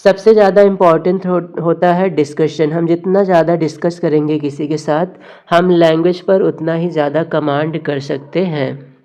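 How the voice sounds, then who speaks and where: A woman teacher, going through exam questions, reading the slowly and explaining in Hindi. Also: sits low, steady tone, mellow. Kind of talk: exam MCQ lesson.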